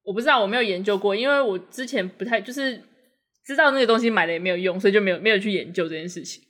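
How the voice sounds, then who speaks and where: Woman, podcast co-host, casual chat, eager, rapid-fire speech. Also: medium pitch. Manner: eager, quick, repeats words when excited.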